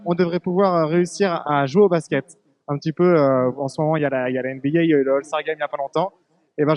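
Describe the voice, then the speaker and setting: Fast-talking joking young male field reporter. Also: a little high, a little mellow, lo-fi sound. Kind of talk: live on-location report. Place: busy indoor agricultural fair hall.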